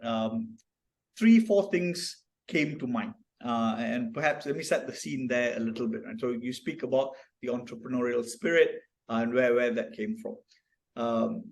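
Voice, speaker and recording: Guy chatting on a podcast, thoughtful, keeps restarting and saying right?. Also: mid-range voice. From Malaysia. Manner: reflective, storytelling, frequent restarts and "right?" tags. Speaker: startup founder guest. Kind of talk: casual podcast conversation.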